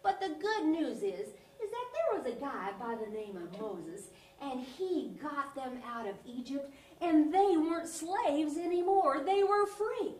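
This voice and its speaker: High, lively woman clown teaching kids. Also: a little slow. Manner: exaggerated, sing-song storytelling to kids. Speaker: clown children's Bible teacher. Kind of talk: animated children's lesson. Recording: echoey room, from a distance, faint noise.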